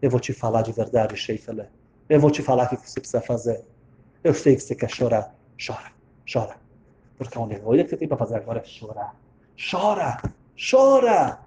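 A man voicing a grieving elderly woman who survived the Holocaust, speaking slowly and earnestly to console someone. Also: mid-range voice, mellow, highs cut off, slight background noise, natural voice.

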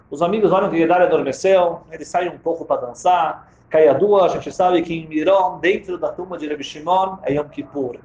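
A man with a high voice tells a story as a sermon, stressing and repeating key phrases. The sound is roomy and slightly muffled, as in a reverberant space. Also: darkish tone. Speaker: preacher telling a story.

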